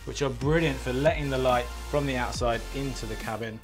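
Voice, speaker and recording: A man's voice: medium pitch, a little fast. A man in his forties, a travel vlogger, narrating an upbeat review with enthusiasm. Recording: voice-over with loud music behind. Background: music.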